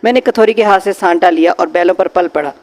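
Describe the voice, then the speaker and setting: Male audiobook narrator, high voice, dramatic horror reading. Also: fast talker.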